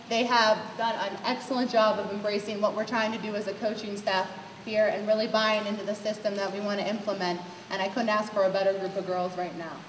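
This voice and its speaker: A woman basketball coach giving an upbeat address to fans, speaking directly to the crowd. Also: medium pitch. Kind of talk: address to fans at a team event. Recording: echoey hall from far off, faint hiss.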